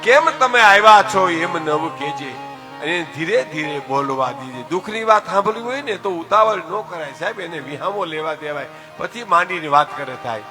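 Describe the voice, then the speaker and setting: An older man from telling a folk tale, addressing his listeners directly and swinging between soft asides and loud exclamations. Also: a little high, normal speed, music in the background. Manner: lively storyteller, often addresses listeners as "saheb". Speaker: folk storyteller.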